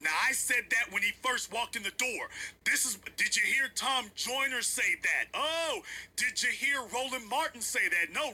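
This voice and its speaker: A man with a high, piercingly bright voice and a husky rasp delivers a livestream commentary rant. He talks in an emphatic, preachy, confrontational way and hammers points home by repeating them. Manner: emphatic, repeats lines for effect. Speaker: online political commentator.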